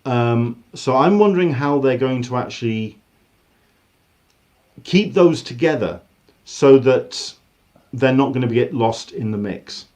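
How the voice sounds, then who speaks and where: A man from England hosts a casual livestream from a room at home, speaking in an ordinary middle register, a little slowly with long pauses. He is animated but rambling, often restarting and doubling back mid-sentence. His voice comes through a video call on earphones.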